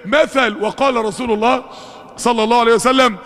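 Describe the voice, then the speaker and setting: A man's voice: very high-pitched, steady tone, fast talker, a bit bright. A man with an Egyptian accent preaching a fervent mosque sermon, full of rhetorical questions and calls to the congregation, recorded in a reverberant mosque hall. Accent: Egyptian Arabic.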